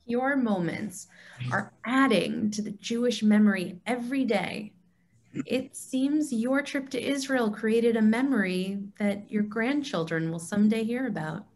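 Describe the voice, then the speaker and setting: Her voice is fairly high and a little mellow as she acts the part of a self-assured, wise mentor. Through a video call, she reads a staged dialogue, teaching with deliberate emphasis and sounding encouraging.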